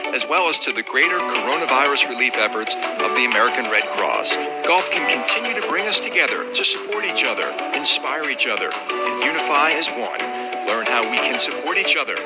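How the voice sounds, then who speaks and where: A man reading scripted public service narration as an announcer. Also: medium pitch. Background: loud music.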